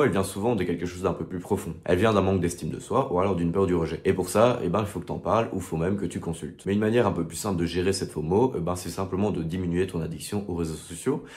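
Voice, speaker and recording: A man's voice: low voice, a little mellow. A young man, presenting a casual explainer for students and talking straight to the viewer with chatty fillers. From Belgium.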